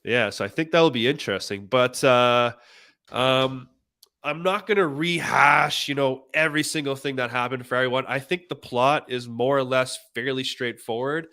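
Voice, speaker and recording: A man hosting a casual live review chat, sounding nasal and congested from a cold, eager and talking in quick bursts. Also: medium pitch, bright, forceful tone, clean tone. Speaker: host of a live review show.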